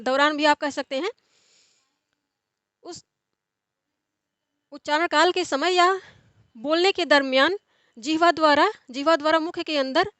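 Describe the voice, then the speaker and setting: High-voiced woman teaching Sanskrit grammar. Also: a bit bright, dry recording. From India. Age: young adult. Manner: repetitive, rephrasing as she explains. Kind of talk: explanatory lecture.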